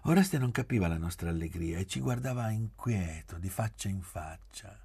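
A man reading a novel aloud as an audiobook, in a measured, expressive manner. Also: low-pitched, gravelly, breathy edge. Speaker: reader.

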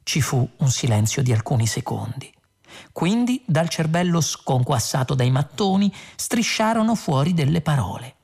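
Low husky woman reading a story. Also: normal speed. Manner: expressive, character-voicing. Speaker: audiobook reader.

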